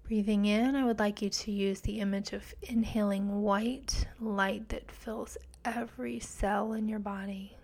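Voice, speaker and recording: A woman leading a guided meditation in a soft, breathy near-whisper, speaking slowly and gently. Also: mid-range voice, fairly even intonation. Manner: slow, gentle, hushed delivery. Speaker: podcast host and meditation guide.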